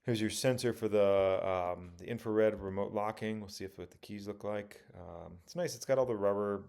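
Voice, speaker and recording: A man casually talking through auction photos of a car, rambling and correcting himself with many pauses. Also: fairly low pitch, creaky, darkish tone, smooth. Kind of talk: casual commentary over photos.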